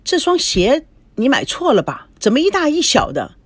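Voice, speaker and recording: A woman voicing a smug young ex-husband who teases and mocks in a storybook reading, with a lively, animated delivery. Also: on the high side, normal speed, no room sound. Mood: puzzled. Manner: teasing, mocking.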